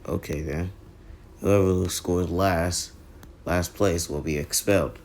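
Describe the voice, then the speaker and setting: Guy doing a strict teacher, low gravelly flat voice, slow. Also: slight background noise. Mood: stern. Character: stern male teacher, dry and strict.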